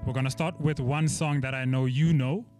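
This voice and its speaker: A man's voice: mid-range voice, fairly even intonation, moderate pace, a little mellow, soft background music. A man introducing musicians and leading a cheerful church sing-along, calling out to the singers. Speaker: music leader.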